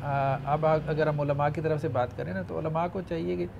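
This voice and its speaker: Another guy in the studio, pretty high voice, calm and conciliatory as he reasons it out. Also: vocal fry, highs cut off, a little hiss or hum.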